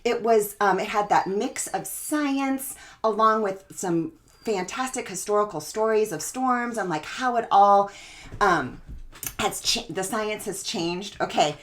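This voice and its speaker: A woman's voice: medium pitch, measured pace, a bit bright. A woman co-hosting a podcast and working as a physical therapist, chatting casually and acting out her own reactions. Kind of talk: casual chat.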